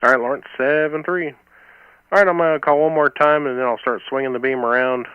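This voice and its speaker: A man's voice: mid-range voice, steady tone, brisk, smooth, no echo, phone-quality sound. An American man hosting an amateur radio net, chatting casually and calling for check-ins over a two-way radio. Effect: heard over amateur two-meter radio. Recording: band-limited two-way radio.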